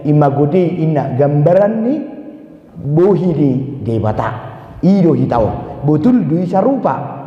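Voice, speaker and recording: A man with a Batak accent preaching a sermon as pastor, animated and asking the congregation questions. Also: a little high, measured pace. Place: church. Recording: echoey church hall, dull lo-fi sound.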